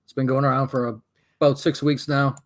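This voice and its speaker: A man hosting a casual comedy podcast, talking in a relaxed way with frequent stammered restarts. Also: mid-range voice, brisk. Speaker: podcast host.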